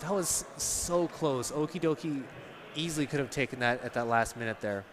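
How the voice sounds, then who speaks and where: A man's voice: mid-range voice, normal speed, crowd noise. A man doing live esports commentary, chatty and explaining game mechanics with a laugh.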